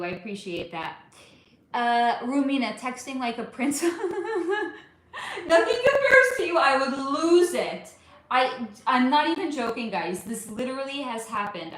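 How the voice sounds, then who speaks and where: A woman in her forties, a spiritual reader chatting on a live stream, reading viewer comments aloud in a chatty, animated way with casual swearing. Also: on the high side, echoey room. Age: 40s.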